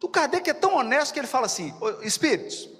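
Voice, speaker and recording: Mineiro guy giving a spiritual talk, highish voice, big swings, long hall reverb. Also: rapid-fire. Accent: Mineiro Brazilian Portuguese. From Minas Gerais, Brazil. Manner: animated, acts out dialogues, addresses the audience directly. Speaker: spiritist lecturer. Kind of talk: spiritual lecture to an audience.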